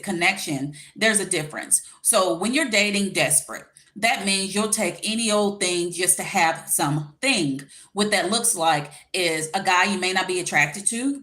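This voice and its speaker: On a casual livestream, a forties-aged life coach and YouTube host hands out dating advice in a lowish, bright, forceful voice. Her manner is direct and informal, with a faint lisp caused by a retainer.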